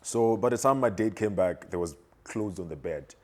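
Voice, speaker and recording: A man's voice: lowish voice, lively intonation, normal speed, darkish tone. A young South African man co-hosting a casual chat, telling rambling family stories and swearing casually. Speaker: podcast co-host.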